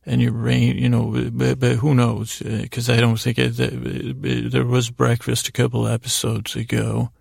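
Speaking close to the mic with no echo, a man with a gravelly, very creaky voice wanders through a rambling monologue for his sleep podcast. He stays at a steady pitch, breaks off his own halting sentences, and keeps a soothing, mildly self-deprecating tone to lull listeners toward sleep.

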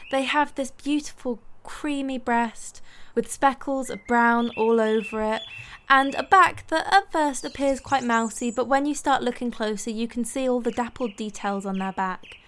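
Female nature-show presenter, higher voice, scripted and admiring. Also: vocal fry, a little hiss or hum. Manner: warm, admiring descriptions of birds.

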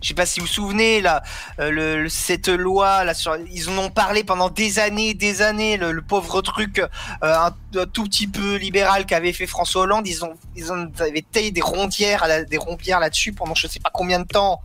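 A man's voice: sits high, steady tone, fairly quick, bright, forceful tone, faint music behind. A man in casual political chat on a live show, insistent and repeating his words. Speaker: guest on a live talk show.

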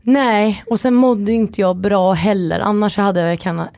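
A woman guest on a chat podcast telling stories in a lively way, acting out quotes. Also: medium pitch, no room sound. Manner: lively storytelling, acts out quotes. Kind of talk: casual chat.

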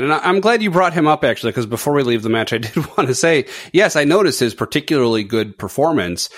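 A man's voice: medium pitch, no room sound, clean studio sound. A man co-hosting a casual podcast, thinking aloud in an easygoing way. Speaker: podcast co-host. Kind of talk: casual chat.

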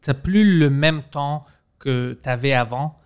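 A man's voice: mid-range voice, slow, clear, resonant tone. A man hosting a casual podcast interview, curious and asking follow-up questions. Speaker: podcast host.

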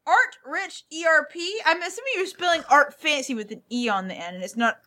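A woman's voice: sits high, expressive, a little fast, bright, forceful tone. A woman co-hosting a tabletop game podcast, reading listener reviews aloud in a playful, laughing way. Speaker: podcast co-host and player.

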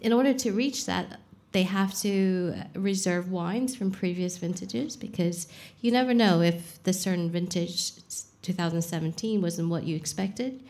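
A woman's voice: on the low side, moderate pace, hardly any pauses, a little mellow. A young adult woman, a champagne expert guest on a live podcast, explaining frankly and casually, swearing now and then. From Saudi Arabia.

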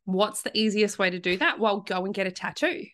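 A woman's voice: medium pitch, brisk, fairly bright tone. A woman telling a story in a casual podcast chat, laughing often. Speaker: podcast guest.

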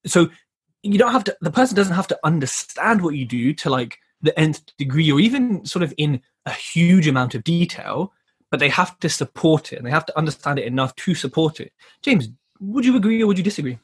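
Bloke, raspy and slightly high, chatty slangy podcast host. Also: male voice, sing-song, brisk. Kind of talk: casual chat, introducing topics.

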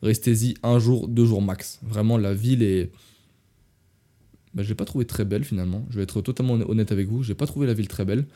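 Speaking fast in a warm, somewhat low voice, a young adult Frenchman rambles through travel stories on his podcast. He often stops to restart or correct himself and addresses listeners head-on as "les gars."

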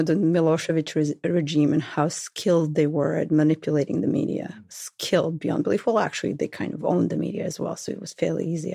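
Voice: medium pitch, vocal fry, warm tone, breathy edge, no echo, clean studio sound. A guest from Serbia speaking frankly and wryly in a casual interview. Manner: frank and wry, with light laughter.

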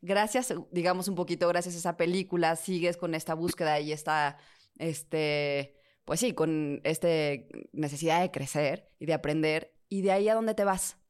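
Woman, podcast host, low pitch, conversational questions. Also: steady tone, moderate pace, a little mellow, clean tone. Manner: conversational interviewer, restarts her questions. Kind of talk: casual podcast interview.

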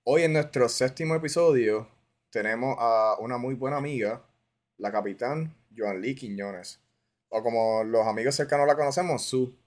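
A podcast host with a Puerto Rican accent runs a casual interview at a moderate pace. His medium-pitched voice is informal, and he drops English words into his Spanish.

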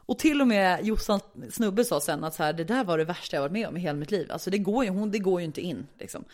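A woman telling a story in casual chat, animated, indignant, and swearing freely. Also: lowish voice.

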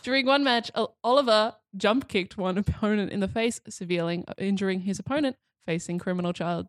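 A woman's voice: medium pitch, a little fast, no room sound. Giggly woman reading aloud, dry sound. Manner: giggly, reads aloud while stifling laughter. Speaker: podcast co-host. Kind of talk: casual chat, reading an article aloud.

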